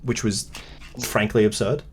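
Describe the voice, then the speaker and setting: A man's voice: on the low side, steady tone, slow, slight background noise. A man hosting a casual chat about competitive games, rambling with lots of fillers and wry asides. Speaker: podcast host.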